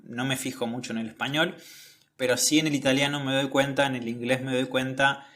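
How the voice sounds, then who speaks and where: Man, Argentine accent, podcast host, casual lesson, hesitant, mid-pitched voice. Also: fairly even intonation, brisk, a bit bright. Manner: hesitant and reflective, frequent filler sounds. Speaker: podcast host and Spanish teacher. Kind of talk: casual podcast lesson, reading a text aloud.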